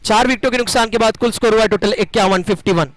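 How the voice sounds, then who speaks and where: Male cricket commentator, strikingly high register, theatrical emphasis, dry sound. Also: no echo, poor audio. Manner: dramatic, flowery phrasing with drawn-out emphasis. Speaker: cricket commentator and match announcer.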